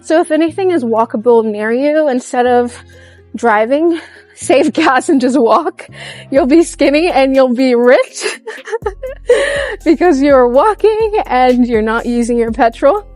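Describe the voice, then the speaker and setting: A woman's voice: high voice, very animated, measured pace, a little mellow, no room sound, faint music behind. A young woman chatting casually into her camera while out on a walk, upbeat and giggly. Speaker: vlogger. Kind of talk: casual vlog chat while walking. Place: outdoors on a walk.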